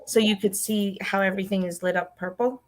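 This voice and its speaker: A woman's voice: medium pitch, fairly even intonation, fairly quick, low-quality recording. A woman hosting a casual fan chat over a video call, talking in a chatty, rambling way. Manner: chatty, rambling, laughs often. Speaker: host.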